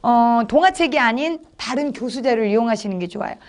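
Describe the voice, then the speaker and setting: Brisk, chatty middle-aged woman instructor, high voice, explaining teaching steps. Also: expressive. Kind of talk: lecture for teachers.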